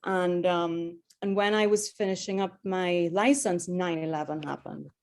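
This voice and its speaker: Her pitch is fairly low, her tone steady and a little mellow, her pace measured. As a guest on a video call, the 30-something pilot from Trinidad recounts her personal story conversationally, often restarting and saying um.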